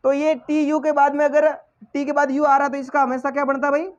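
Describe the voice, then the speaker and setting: Man, English teacher, classroom lesson, question-and-answer drilling, high pitch, lo-fi sound. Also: completely flat delivery, brisk, slight background noise. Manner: quizzes the class, repeats questions and answers them himself.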